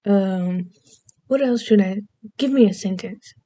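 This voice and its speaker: A woman's voice: medium pitch, unhurried, mellow. A woman vlogger with an American accent and a slight Southern lilt, rambling casually and goofily from topic to topic, often losing her thread. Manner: meandering, self-interrupting, goofy.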